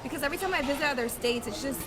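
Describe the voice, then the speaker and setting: A woman's voice: high voice, rapid-fire. A woman in her early twenties from Florida, a guest in a casual interview, bubbly and saying like a lot. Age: early 20s. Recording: loud crowd noise behind. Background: loud crowd chatter.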